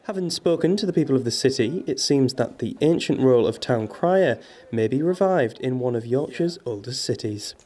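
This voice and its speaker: A man's voice: mid-range voice, animated, moderate pace, hardly any pauses, dark tone. Male local news reporter, scripted narration.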